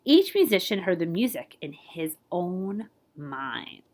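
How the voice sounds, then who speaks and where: Taking on the role of a librarian, a woman reads a children's picture book aloud at a slow pace, animated and playful, with a widely moving pitch and scat-like sound words. Now and then she breaks from the story to chat with her listeners in expressive asides.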